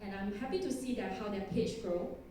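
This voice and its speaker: In an echoey conference hall, recorded from a distant mic with slight background noise, a woman in her thirties from Thailand delivers a chatty talk, poking fun at herself and laughing often. She has a Thai accent and a warm, medium-pitched voice at a fairly quick pace.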